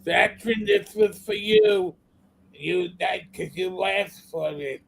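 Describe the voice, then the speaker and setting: A man from New York hosting a casual livestream chat, slow and hesitant, with a joking manner. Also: high voice, vocal fry, a little hiss or hum. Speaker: show host.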